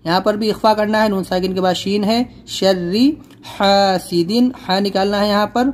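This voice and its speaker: High-voiced man teaching Quran recitation. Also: little pitch movement. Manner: slow drawn-out melodic recitation between plain spoken explanation; patient, repeats words to drill sounds. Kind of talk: tajweed lesson, slow chanted recitation and explanation.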